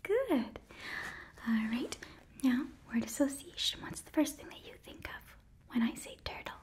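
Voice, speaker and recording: A woman's voice: high voice, sing-song, measured pace. Whispering Midwestern American woman, whispered role-play. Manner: gentle, coaxing, as if tending a child. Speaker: ASMR performer playing a school nurse. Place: small indoor room set up as an office.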